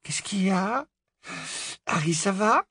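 A man's voice: lively intonation, slow pace, sharp tone, breathy edge, no echo, exaggerated voice. Hermione, a man shrieking as a furious teen girl. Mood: startled. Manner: shrill, screaming, sarcastic.

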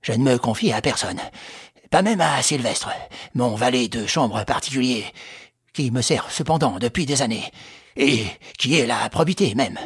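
A panicked, pleading engineer, as a male reader puts him on, his very husky voice leaping up and down. He begs and cries out in anguish. The recording is close and dry. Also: medium pitch, animated, moderate pace, no echo. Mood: fretful. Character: terrified older man, wealthy engineer, desperate.

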